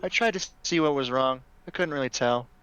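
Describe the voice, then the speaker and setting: A man's voice: mid-range voice, a little fast, a bit bright, smooth, no echo, highs cut off, close to an everyday voice. Man putting on a derpy, mopey dragon voice. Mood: apologetic. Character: dopey gloomy dragon familiar, friendly but mopey. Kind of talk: tabletop game role-play.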